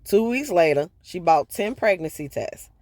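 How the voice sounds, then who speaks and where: A man's voice: sits high, expressive, moderate pace, darkish tone, no room sound. Chatty man recapping a book, dry sound. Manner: chatty, loose retelling with frequent laughs and asides. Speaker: book review vlogger.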